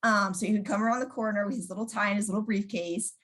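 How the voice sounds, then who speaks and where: New woman in her 30s, interview guest, rambly storyteller, lots of um and like, middle pitch. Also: steady tone, quick pace, fairly bright tone. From New York, USA. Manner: chatty storyteller with many fillers, acting out quoted voices. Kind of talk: casual interview chat.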